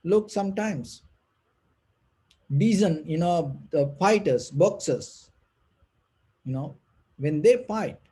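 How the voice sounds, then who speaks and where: Male meditation teacher, non-native English, breathy and husky, unhurried delivery with long pauses, gentle Dhamma talk. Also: high-pitched. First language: not English. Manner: gentle, halting, with frequent pauses and repeated phrases. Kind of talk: unscripted spiritual talk.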